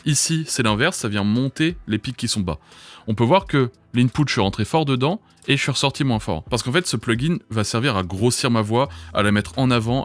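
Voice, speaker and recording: A man teaching vocal mixing in a software tutorial, explaining each setting and checking in with the viewer. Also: mid-range voice. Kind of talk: screen-recorded software tutorial.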